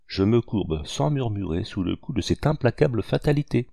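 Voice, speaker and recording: A man's voice: fairly low pitch, very animated, normal speed, creaky, mellow, dry recording, clean studio sound, heavily acted. A man reading the part of a lovesick young nobleman in an audiobook, earnest and dignified. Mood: resigned.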